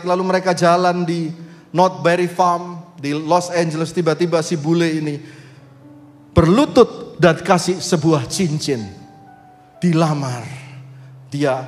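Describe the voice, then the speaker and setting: A male pastor preaching a sermon, voice surging high and loud on key phrases as he leads the congregation through scripture. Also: in a large hall. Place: church sanctuary.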